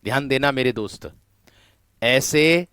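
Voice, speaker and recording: A man's voice: mid-range voice, fairly bright tone, clear, resonant tone, no echo. A man teaching an online exam-prep class, repeating and drawing out key words and often calling his students friends. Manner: repetitive, drawn-out stressing of key words.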